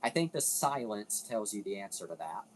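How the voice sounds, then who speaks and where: A man's voice: on the low side, expressive, normal speed, a little hiss or hum, poor audio. Rambling man hosting casual commentary. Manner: rambling, self-interrupting, swears casually. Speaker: video host.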